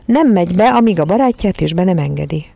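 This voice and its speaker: A woman voicing a calm, matter-of-fact young nanny in a storybook reading. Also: fairly low pitch, vocal fry, no room sound.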